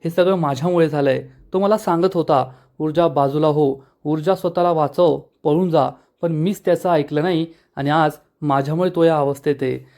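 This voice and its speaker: A man's voice: a little high, moderate pace, few pauses, a little mellow, close to an everyday voice. A man voicing a distraught young woman who blames herself and pleads tearfully. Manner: pleading, crying.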